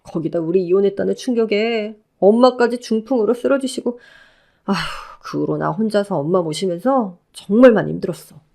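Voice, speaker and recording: A woman's voice: mid-range voice, animated, fairly quick, gravelly, dark tone. A wheedling, self-pitying ex-husband, as a woman reads him in an audio drama. The voice rises and falls widely as he whines and pleads. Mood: pleading. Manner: pleading, whiny. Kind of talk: Korean audio drama reading.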